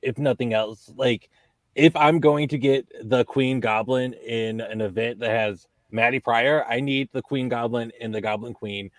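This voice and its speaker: A man's voice: medium pitch, fairly even intonation, unhurried, dry recording. A man co-hosting a comics podcast, enthusiastic and casually profane. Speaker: podcast co-host. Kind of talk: casual chat about comics.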